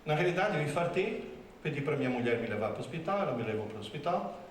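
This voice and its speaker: A man giving a lively storytelling lecture at a school, acting out dialogue with different voices. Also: a little high, fast, a little hiss or hum. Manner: animated, acts out dialogue with voices. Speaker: teacher giving a talk. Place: school hall. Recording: very echoey hall, speaker far from mic.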